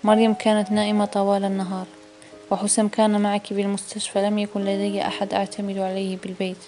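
A woman voicing a defensive, frightened young wife in a read-aloud story, speaking in sharp, tearful bursts. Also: mid-range voice, monotone, fast talker, faint music behind, natural voice. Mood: upset.

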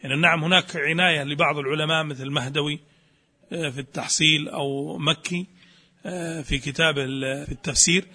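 A man's voice: a little high, steady tone, brisk, pauses often, pushed and bright. A man giving a scholarly lecture who keeps asking rhetorical questions and answering them himself. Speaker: teacher of Quranic studies.

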